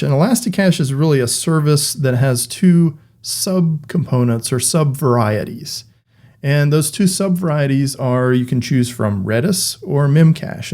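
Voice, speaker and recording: A man recording an online tech course lesson, explaining clearly and evenly with a touch of dry humor. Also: medium pitch, darkish tone. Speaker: course instructor.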